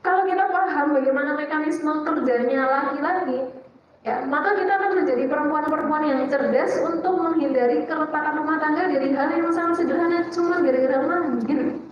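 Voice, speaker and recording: High-voiced woman teaching in an echoey hall. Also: brisk, slight background noise. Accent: Javanese-tinged Indonesian. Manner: lively, asks and answers her own questions, playful. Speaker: Islamic teacher and psychologist. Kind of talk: religious study talk to women. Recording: echoey hall, distant dull mic.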